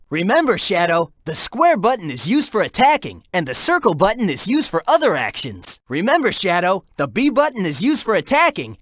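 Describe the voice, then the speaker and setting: A man voicing a cocky, upbeat young hedgehog hero in a video game, energetic, breezy and teasing as he guides his partner. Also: sits high, no echo, clean studio sound, exaggerated voice. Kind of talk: video game character voice lines.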